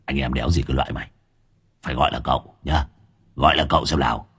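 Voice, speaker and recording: Man doing a rough thug, very low, fast and curt. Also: fairly bright tone, exaggerated voice. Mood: scolding. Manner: gruff, curt, scolding. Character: rough, bullying young male thug.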